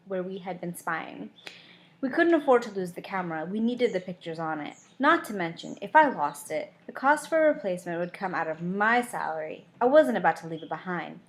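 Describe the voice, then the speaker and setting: A woman reading a novel chapter aloud, often breaking off to comment and joke about the story. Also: mid-range voice. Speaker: audiobook reader.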